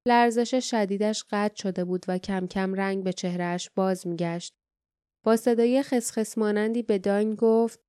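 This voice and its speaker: A woman narrating a fantasy audiobook in a steady, even storytelling manner. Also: mid-range voice, smooth, dry recording, studio quality.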